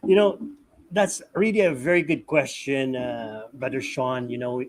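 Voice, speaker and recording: A Filipino man from the Philippines, with a mid-range voice and unhurried pace, tells personal stories conversationally as an interview guest. He chuckles often and retells events animatedly, acting out quotes.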